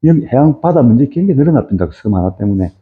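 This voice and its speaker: A man's voice: mid-range voice, sing-song, very fast. A middle-aged man giving an informal lecture on fisheries, rambling with many fillers and tag questions. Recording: tinny phone-like audio.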